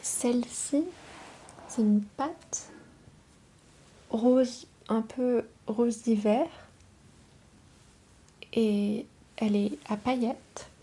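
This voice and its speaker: Hoarse, softly spoken ASMR woman, slow and hushed. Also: on the high side. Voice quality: hoarse, husky voice. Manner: gentle, unhurried, hushed. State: hoarse from a lingering cold. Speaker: ASMR video host.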